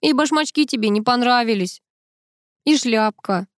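A woman's voice: on the high side, normal speed, no echo, clean studio sound, voice pushed up, close to an everyday voice. A woman voicing a touchy, tearful woman guest who sniffles and pleads. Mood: whiny.

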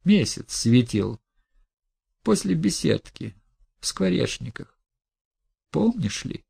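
A man voicing a frail elderly gentleman who pleads in breathless, trembling words. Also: fairly high pitch, big pitch swings, slow, creaky, slightly rough, no room sound, clean studio sound, voice pushed up, full character voice. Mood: pleading.

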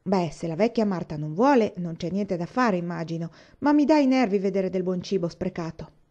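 A woman's voice: fairly low pitch, expressive, a little fast, highs cut off. A woman voicing a brash, blunt orphan girl who talks back defiantly. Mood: indignant. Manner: blunt and defiant, loud outbursts.

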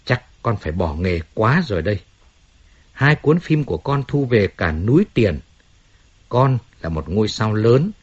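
Man reading aloud as a bitter, whining male singer, husky and raised in pitch, pleading and self-pitying, dull audiobook sound. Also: very animated, a little slow, exaggerated voice. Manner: complaining, pleading, resentful.

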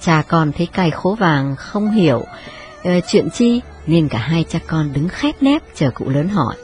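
Một người phụ nữ kể truyện đọc, giọng đều đặn, giọng miền Trung. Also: female voice, low-pitched, very animated, unhurried, a little mellow, soft background music. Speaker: narrator. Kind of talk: audiobook narration.

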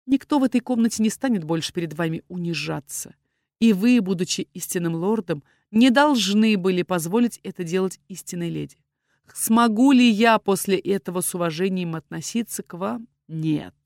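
Lightly acted and recorded dry, this audiobook reading has a woman at medium pitch and moderate pace, her tone a little mellow. She gives voice to a proud young woman standing before a dragon lord, defending her parents in a furious, indignant outburst.

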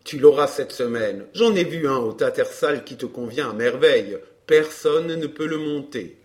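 A man reading a glib, self-assured gentleman in an audiobook dialogue, smooth and bantering. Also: medium pitch, moderate pace, natural voice.

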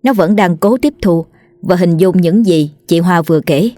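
A woman narrating a scripted horror story in a steady storytelling voice. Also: on the low side, normal speed, no room sound, clean studio sound. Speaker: audiobook narrator.

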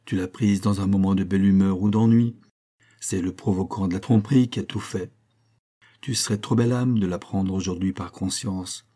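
A man's voice: sits low, steady tone, normal speed, mellow. A man voicing a bitter, sarcastic older man who lectures a friend in an audiobook. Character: old man Liénard, bitter and cutting.

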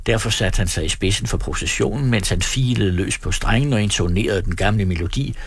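Male narrator, audiobook, steady read, low voice, husky. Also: no room sound. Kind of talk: scripted narration.

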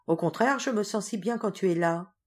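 A woman reading the part of a gentle, affectionate young woman in an audiobook, in a lifted, eager tone. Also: mid-range voice, normal speed, natural voice. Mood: tender.

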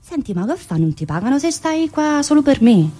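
A stage actress delivers a colloquial, dialect-tinged theatre monologue as a cheeky, needling female prisoner with a southern Italian accent. Her high voice swings widely in pitch, brisk and dark-toned, teasing and restless. She's familiar and mocking, firing off rhetorical questions.

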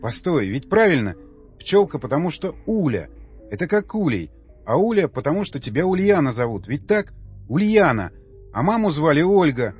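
A man's voice: on the high side, very animated, moderate pace, darkish tone, breathy edge, highs cut off, faint music behind, voice pushed up. A male narrator voicing an older male cosmonaut, an emotional father who pleads with a trembling voice. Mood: pleading.

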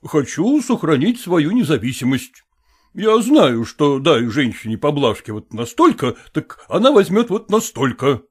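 A man's voice: on the high side, very animated, a little slow, husky, pitched above the performer's own voice, heavily acted. A man voicing a condescending, evasive professor who soothes and patronizes a jealous woman, reading an audiobook. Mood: patronizing. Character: condescending middle-aged male professor, evasive.

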